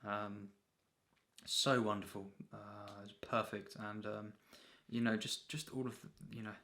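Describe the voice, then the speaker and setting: A man reviews a film in an unscripted, rambling way, halting and repetitive, with lots of filler phrases. His voice is on the low side, with a steady tone that sounds pushed and bright.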